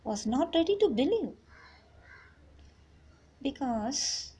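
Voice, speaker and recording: A woman's voice: high-pitched, big pitch swings, slow, dark tone. A woman from Chennai with a South Indian accent, teaching an English lesson in an instructive, explanatory way. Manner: instructive, checks in with short tag questions. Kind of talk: explanatory lesson, reading a text aloud and paraphrasing it. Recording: noticeable background noise.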